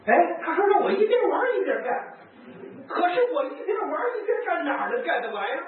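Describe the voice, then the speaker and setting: Animated priest, distant echoey hall. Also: male voice, very high-pitched, fairly quick, phone-quality sound. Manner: animated storyteller, acts out quoted speech, chuckles. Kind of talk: lively talk with anecdotes to priests and nuns.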